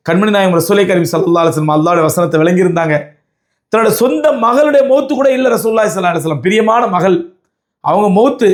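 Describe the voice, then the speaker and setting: A middle-aged man, preaching a sermon. He tells the story in colloquial speech, lists parallel phrases emphatically and quotes Arabic verses. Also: high-pitched. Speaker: Islamic preacher. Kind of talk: sermon on the Prophet's life.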